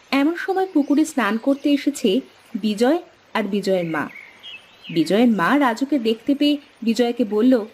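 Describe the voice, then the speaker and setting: A woman giving scripted storybook narration for a cartoon in a steady storytelling manner. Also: a little high, a little hiss or hum.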